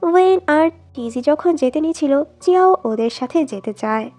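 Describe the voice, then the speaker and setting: A woman narrating a drama plot in a steady storytelling read, quoting each line of dialogue. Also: high-pitched, moderate pace, soft background music.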